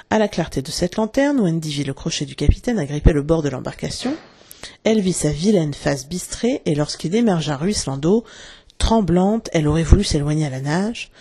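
A narrator reading a classic children's adventure aloud with lively, dramatic expression. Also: medium pitch, husky. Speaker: audiobook narrator.

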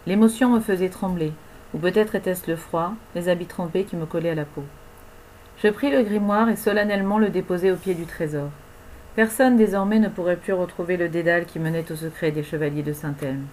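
A woman's voice: lowish voice, brisk, a little mellow, a little hiss or hum, rough recording. Woman reading a novel aloud. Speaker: audiobook narrator.

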